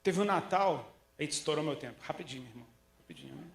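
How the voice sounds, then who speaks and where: A man's voice: a little high, fast, creaky. A Brazilian man preaching a sermon, telling stories with slang and acting out the quotes. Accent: Brazilian Portuguese. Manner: animated storytelling, slangy, acts out quotes. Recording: roomy echo.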